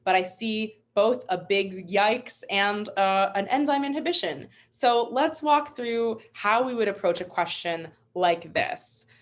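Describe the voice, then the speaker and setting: A young woman instructor teaching a live online webinar, upbeat and encouraging, chatty with fillers. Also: mid-range voice. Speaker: MCAT instructor.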